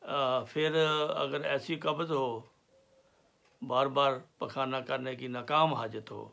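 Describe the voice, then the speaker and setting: A homeopathy teacher gives a slow explanatory lecture on homeopathic remedies, speaking at an unhurried crawl in a medium-pitched voice with gravelly fry. He's deliberate, pausing and filling gaps with soft hesitations as he lists symptoms.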